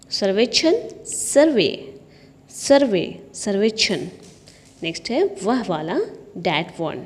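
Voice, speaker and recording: A woman teaching English vocabulary and repeating each word in a drill. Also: mid-range voice. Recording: long hall reverb.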